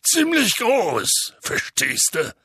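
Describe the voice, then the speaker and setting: A man voicing a huge, gruff male half-giant gamekeeper in an audiobook, with a deep, rasping voice and rough, folksy speech. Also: huge pitch swings, very slow, bright, forceful tone, no room sound, heavily acted. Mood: grumbling. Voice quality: deep gravelly rasp. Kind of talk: audiobook character voice.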